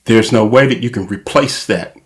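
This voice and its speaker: This channel host, a man whose voice sits on the low side, delivers an opinion piece. He hammers his points home through repetition and spells them out with care.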